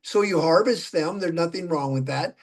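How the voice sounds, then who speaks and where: A man in his seventies with a Minnesotan accent talks in a fairly high voice at an ordinary pace, with a little background noise. He's a political candidate in a relaxed conversation, folksy and chatty, laughing as he speaks.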